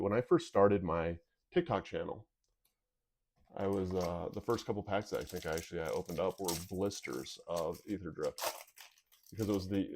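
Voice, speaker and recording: A video host with a low, darkish voice casually comments as he opens card packs for his viewers. He rambles candidly, and his sniffly nose whistles while he talks.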